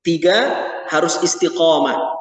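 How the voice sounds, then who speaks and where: A man's voice: fairly high pitch, fairly even intonation, a little slow. A man teaching an informal religious class, chatty and teasing his audience. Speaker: Quran teacher. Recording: echoey hall, mic far off.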